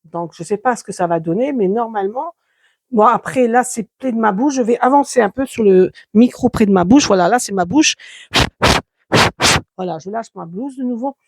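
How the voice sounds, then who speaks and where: Casual home vlogger, mid-pitched, rambling and filler-heavy, recorded on a clip-on phone mic while moving around the house. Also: moderate pace, darkish tone. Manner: rambling, chatty, with frequent fillers and restarts. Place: home, moving between office and sewing room. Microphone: clip-on lapel mic plugged into a phone.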